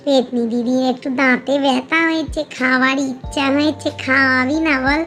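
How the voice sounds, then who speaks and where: A woman's voice: sits high, fairly even intonation, normal speed, fairly bright tone, faint music behind. A woman voicing a fussy middle-aged female ghost with a toothache in a cartoon. She sounds whiny and bossy, and she bargains to get her way. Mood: wheedling. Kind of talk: cartoon voice acting.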